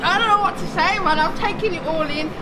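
A woman's voice: very high-pitched, quick pace. A young woman chats casually on the move, picked up by a handheld camera. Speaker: vlogger's sister. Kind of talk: casual chat. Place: on the move in a car and outdoors. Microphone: picked up by another person's handheld camera. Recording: loud music over the voice. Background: loud music and vehicle noise.

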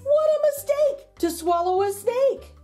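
Her pitch extremely high and her delivery animated and warm, a middle-aged children's story reader and channel host reads a picture book aloud in a theatrical, rhythmic way, lingering on each line's ending. Faint music sits underneath.

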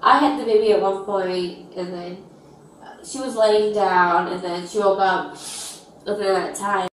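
A woman's voice: medium pitch, steady tone, unhurried, a little hiss or hum. A young woman under arrest, anxious and pleading, rambling with frequent restarts, recorded by an officer's body camera in a police station. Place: police station holding area. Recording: echoey distant bodycam audio.

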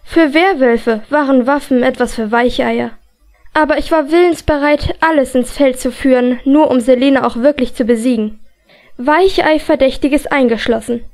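A woman reading a fantasy audiobook in the first person, with steady, expressive storytelling. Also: high voice. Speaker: audiobook reader.

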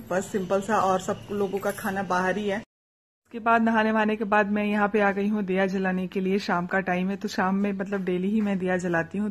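A young woman with an eastern Uttar Pradesh Hindi accent narrates her evening at home, recorded on a nearby phone or camera. Her delivery is casual and chatty, softly spoken, often ending thoughts with "right?" to draw the viewer in. Her voice sits in a middle range for a woman. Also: mid-range voice, a little hiss or hum. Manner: chatty, soft-spoken, fond tag questions. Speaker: vlogger. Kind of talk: casual daily vlog narration. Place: family home, indoors and courtyard.

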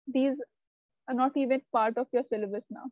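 A woman's voice: sits high, steady tone, brisk, darkish tone, no room sound, dull audio. A woman teacher, giving a live online lesson and explaining step by step while checking that her students follow. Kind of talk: live online class lecture.

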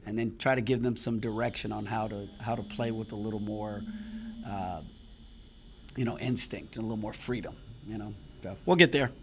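His voice is on the low side with fairly even intonation and a normal speed, against a noisy background. He's a middle-aged basketball head coach at a post-game press conference, frank and a little frustrated, restarting phrases as he thinks. He's in a press room before a sponsor backdrop, with a handheld mic on a stand close in front.

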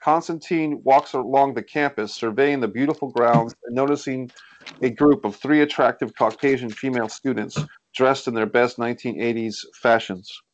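On a group video call indoors, a man handles the scripted narration for a screenplay table read, voicing scene headings and stage directions. His medium-pitched delivery is steady in tone and normal in speed. His computer or headset mic rolls off the high frequencies.

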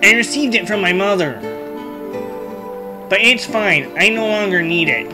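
An earnest, nerdy young fish-folk prince, as a man puts him on while reading game text aloud. The voice sits a little high and sounds like a bookish kid. Game music plays clearly underneath. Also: lively intonation, measured pace, rough recording.

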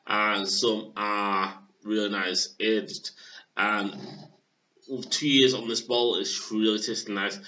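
Slow, halting man reviewing beer on webcam. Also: mid-range voice. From England. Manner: halting, filler-heavy, relaxed. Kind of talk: casual beer review vlog. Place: small room at home. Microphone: webcam at desk. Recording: dull lo-fi webcam audio.

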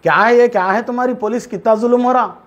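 Very high-voiced indignant Hyderabadi man. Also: fast, lo-fi sound. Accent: Hyderabadi Urdu. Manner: indignant, rhetorical questions, addresses officials directly. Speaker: local spokesman speaking for the driver. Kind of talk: complaint to the press.

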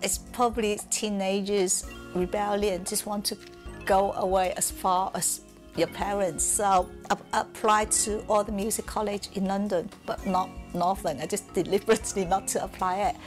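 A middle-aged musician from southern China, speaking with a Chinese accent, tells her life story candidly in an interview, reflective and laughing softly now and then. Her voice is medium-pitched and level at a moderate pace, with soft music in the background.

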